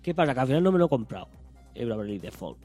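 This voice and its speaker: A man's voice: mid-range voice, big pitch swings, rapid-fire, mellow, soft background music. A man co-hosting a casual gaming podcast, enthusiastic and rambling. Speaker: podcast co-host.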